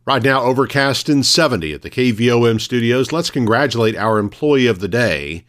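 A man reads local radio news as the host. His delivery is formal and measured, in a mid-pitched voice, like a scripted morning bulletin of announcements. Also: lively intonation, fairly bright tone.

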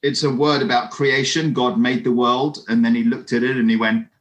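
A man giving a lively, conversational sermon over an online video call, with friendly asides to his listeners. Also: mid-range voice, normal speed, highs cut off. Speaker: preacher.

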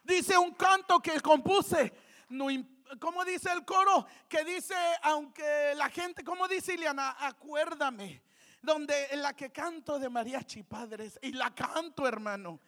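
A woman preacher, delivering a fervent sermon in church, shouting out refrains between joking asides. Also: high-pitched, slow.

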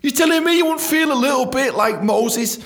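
A young man telling comedic stories, swearing a lot, loose and animated, laughing at his own jokes. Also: extremely high pitch, a little fast, vocal fry. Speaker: stand-up comedian. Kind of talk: comedic storytelling monologue.

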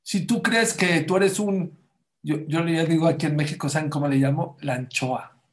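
A man's voice: on the high side, normal speed. Male religious speaker, emphatic motivational sermon, slightly raised voice, roomy echo. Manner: emphatic, keeps asking the audience rhetorical questions. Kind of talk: motivational sermon to a live audience. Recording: echoey room.

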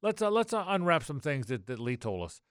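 A man's voice: fairly high pitch, big pitch swings, fairly quick, clean tone, dry recording, clean studio sound. A man hosting live sports talk radio, emphatic and often repeating his phrases.

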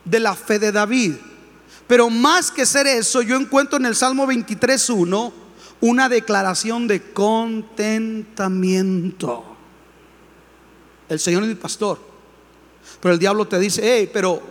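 A male pastor preaching a sermon, building to shouts and calling on the congregation to respond. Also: sits high. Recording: long hall reverb.

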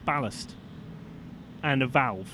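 A man's voice: mid-range voice, slow. A British man co-hosting an informal podcast, telling history in a hesitant, self-correcting way. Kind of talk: informal explanatory chat. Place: walking outdoors in London. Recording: outdoor street with faint traffic noise.

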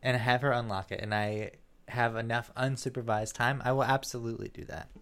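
A podcast co-host chatting casually, rambling through a prank idea with lots of fillers. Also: male voice, medium pitch, fairly quick, slight background noise. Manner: rambling, animated storytelling. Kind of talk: casual chat.

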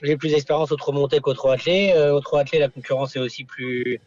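A man's voice: mid-range voice, steady tone, fast, a little mellow, no room sound. Hesitant young male driver on dull line. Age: young adult. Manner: hesitant, many fillers and restarts. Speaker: harness racing driver guest. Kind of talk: radio interview.

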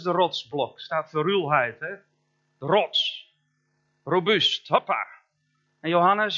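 A man preaching a sermon as a pastor, chatty and joking, asking the congregation questions and slowing down to stress key words. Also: high voice, sharp tone, dull audio. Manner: conversational and joking, asks the listener questions.

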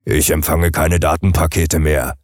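A man's voice: extremely low pitch, steady tone, measured pace, no echo, studio quality. A man reading an audiobook, voicing a glum, resigned talking toaster.

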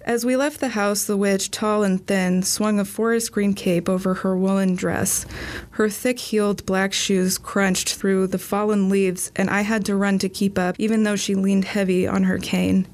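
A woman giving a steady, measured first-person storybook reading. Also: mid-range voice. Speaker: narrator.

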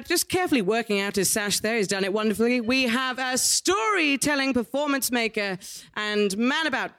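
A woman's voice: high voice, a bit bright. A woman with a British accent hosting a live game show on stage, ad-libbing with playful, quirky asides. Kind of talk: light, ad-libbed live stage presenting. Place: small theatre stage in front of an audience.

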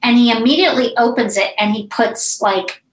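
A middle-aged woman, a beauty brand founder, telling stories in a casual interview, animated and chatty with many asides. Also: a little high, normal speed. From United States. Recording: roomy echo.

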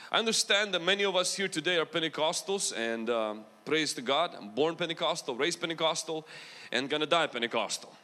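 Preaching Pentecostal-style in a big church, this high, sharp-toned man with a mixed Ukrainian-American accent grows steadily more intense. He calls out for the congregation to answer him, and long hall reverb fills the room.

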